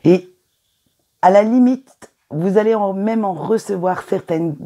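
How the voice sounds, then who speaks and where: Woman, card reader: warm, mellow tone, gently reassuring delivery to viewers. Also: medium pitch, measured pace. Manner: gentle, encouraging, with hesitant fillers. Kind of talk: weekly oracle card reading to viewers.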